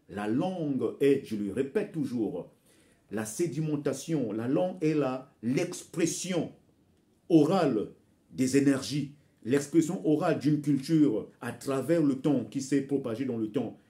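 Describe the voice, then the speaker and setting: Talking directly to his viewers, a man from Congo with Bembe as his first language gives fervent, exhorting commentary. He speaks in a warm, dark voice of middle pitch, calls them brothers and sisters, and repeats words while he looks for phrasing.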